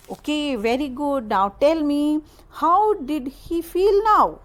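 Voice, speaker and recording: A woman teaching a classroom lesson, explaining word meanings and asking students questions. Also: high voice.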